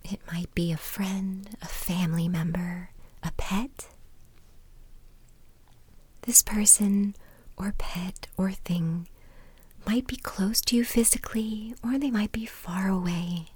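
A woman whispering a soothing guided meditation and a bedtime story in a slow, calm way. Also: mid-range voice, slightly rough.

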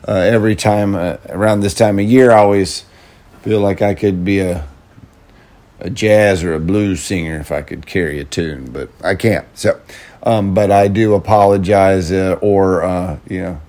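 A man with a low, gravelly, worn voice hosting a casual gaming podcast solo, in a meandering, self-deprecating way. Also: normal speed, darkish tone. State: voice worn from talking over crowds of children. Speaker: podcast host. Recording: noticeable background noise.

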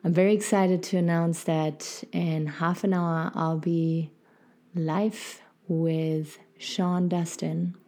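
A woman leading a guided meditation in a soft, gentle, soothing way, with phrases sometimes fading toward breathy near-whisper. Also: lowish voice, flat delivery, slow pace. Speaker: podcast host and meditation guide.

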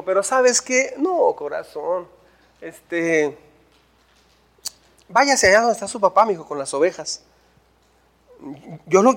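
A soft, condescending older man, put on by a male preacher who talks down to a boy. His voice drops low and quiet, and he stretches his words in a patronizing, sugary way.

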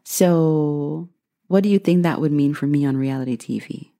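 Woman in her thirties, low and gravelly, mellow tone, dry humor, casual Q&A vlog. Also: normal speed. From Guyana. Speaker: vlogger.

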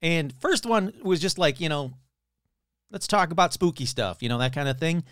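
A man's voice: a little high, lively intonation, moderate pace, a bit bright, no room sound, clean studio sound. A man hosting his podcast, chatting casually in a loose, rambling, playful way with some swearing. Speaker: podcast host.

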